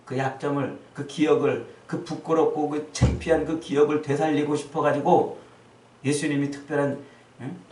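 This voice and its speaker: A man preaching a sermon as pastor, acting out the quoted lines with sudden loud, high outbursts. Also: level tone, normal speed, echoey room, distant mic, poor audio. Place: church sanctuary.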